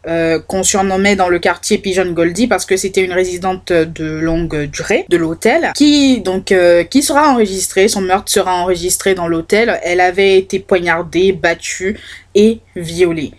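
Woman podcaster, unscripted true-crime storytelling, stumbling and restarting often. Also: medium pitch. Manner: hesitant, many fillers and restarts. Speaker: podcast host.

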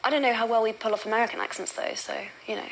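A woman's voice: fairly high pitch, fairly even intonation, rapid-fire, a little hiss or hum, low-quality recording. A young woman with an English accent, chatting as an interview guest in a casual, self-deprecating way with lots of fillers. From England. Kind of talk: casual talk show chat.

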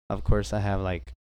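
A man's voice: fairly low pitch, creaky, darkish tone. A man co-hosting a casual podcast chat with a congested, stuffy-nosed voice from allergies, rambling informally. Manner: rambling, informal, slips into Spanish. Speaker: podcast co-host.

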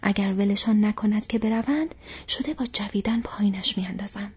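A woman voicing a loyal, stubborn young male hobbit servant in an audiobook, breathy and earnest. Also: medium pitch, a little mellow. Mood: determined. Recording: dull lo-fi recording.

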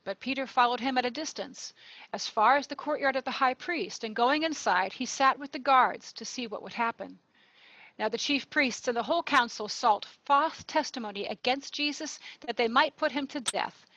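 Bright woman narrating scripture. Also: fairly high pitch, moderate pace, no room sound, rough recording. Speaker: narrator of the gospel reading. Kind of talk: liturgical scripture reading.

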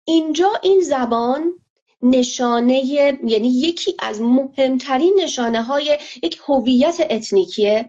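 A woman answering interview questions in a measured, analytical way, pausing often with fillers. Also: high-pitched, animated, a little mellow. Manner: measured, hesitant, many filler pauses. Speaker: interview guest. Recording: lo-fi muffled audio.

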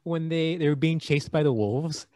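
A man's voice: fairly high pitch, normal speed, warm tone, no echo, clean studio sound. A man co-hosting a podcast, chatting casually about a movie, laughing often and trailing off mid-thought. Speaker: podcast co-host.

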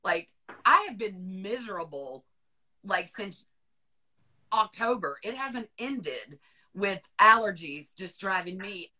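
Southern woman, podcast host, bright tone, chatty, casual interview. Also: medium pitch, lively intonation, slow pace, low-quality recording. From North Carolina. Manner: chatty, friendly, rambling questions.

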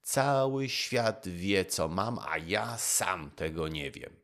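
A man's voice: low-pitched, expressive, slow pace, a bit bright, full character voice. A man voicing a proud, vain old emperor who gives orders in a demanding way. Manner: imperious, demanding.

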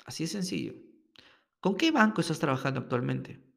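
A man's voice: a little high, brisk, gravelly. A man teaching sales technique in a solo podcast, talking emphatically and checking in with the listener often. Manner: animated, emphatic, checks in with frequent "ok?". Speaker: sales coach.

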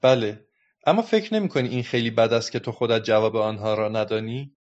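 A man's voice: on the low side, a little mellow, close to an everyday voice. A man voicing a patient, patronizing adult policeman who lectures a child, in a dull lo-fi recording. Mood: lecturing.

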